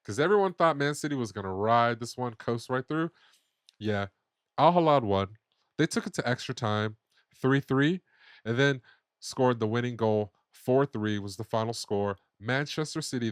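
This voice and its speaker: A young man hosts a soccer talk podcast in a loose, opinionated manner, full of fillers and quick restarts. His voice sits at a middling pitch and is recorded close and dry, with no room sound. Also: smooth, no room sound. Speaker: podcast host. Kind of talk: casual sports chat.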